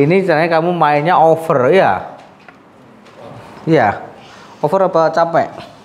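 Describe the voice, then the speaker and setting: A man's voice: fairly high pitch, takes it slowly, slight background noise. A man, a sports massage therapist talking casually and coaxing a patient while he works, often laughing.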